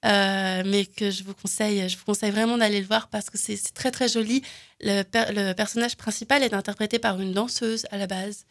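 Hesitant woman with a creaky voice. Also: medium pitch, fairly even intonation, brisk. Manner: hesitant, many fillers and restarts. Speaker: film recommendation guest. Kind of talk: casual radio film chat.

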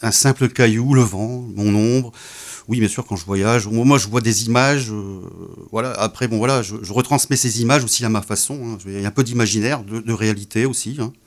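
Middle-aged male poet guest, low-pitched, halting and repetitive delivery. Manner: hesitant, repeats words, many fillers. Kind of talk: casual interview talk.

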